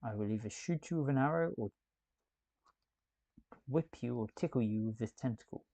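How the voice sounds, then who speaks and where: A man's voice: medium pitch, moderate pace, creaky, mellow, no room sound. A man putting on a posh male voice for a toy figure, with a playful mock threat.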